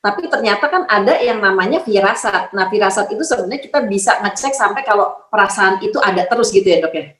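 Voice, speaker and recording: A woman hosts a casual live-stream interview in a mid-range voice. She is chatty, agrees often and fills pauses as she thinks aloud. The sound carries a noticeable room echo. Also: mid-range voice, expressive. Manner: chatty, warm agreeing, many fillers. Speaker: host of an online talk.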